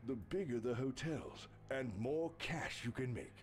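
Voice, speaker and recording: Voicing a sly, theatrical devil who strikes deals in a video game, a man sounds grandiose and mocking with a smooth, persuasive salesman's patter. His mid-range voice is animated yet a little slow, close to his everyday speaking voice.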